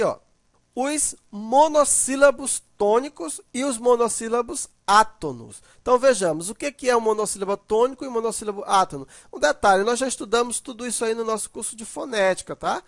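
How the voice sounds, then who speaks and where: A man's voice: very high-pitched, a bit bright, no echo, studio quality. A man giving a grammar lesson, methodical and repeating examples, often checking in with his students. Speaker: teacher.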